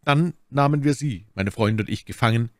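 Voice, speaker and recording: A man voicing a bold young male musketeer in an audiobook, speaking with a steady, respectful composure. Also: medium pitch, moderate pace, no echo, clean studio sound, voice pushed up, natural voice. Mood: calm, defiant. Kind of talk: audiobook character voice.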